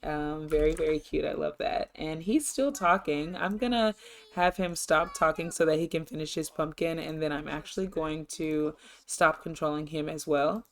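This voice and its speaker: A woman's voice: low voice, moderate pace. A woman narrating a life-sim game in a casual, chatty and upbeat way, rambling through what her character does. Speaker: gameplay narrator. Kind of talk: casual let's-play narration.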